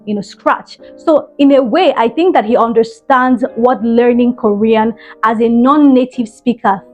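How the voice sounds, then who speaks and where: A young woman who vlogs about language learning speaks straight to camera with earnest, encouraging study tips, often repeating words for emphasis. Her fairly high voice is unhurried and a little mellow, with lo-fi sound and faint music behind her.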